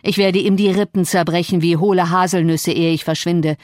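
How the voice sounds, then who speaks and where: A woman's voice: lowish voice, fairly even intonation, brisk, darkish tone, no echo, natural voice. A brooding, vengeful man, read by a woman in her own voice, taunts with mocking threats. The audiobook recording is dry and close. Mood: threatening. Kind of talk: audiobook character reading.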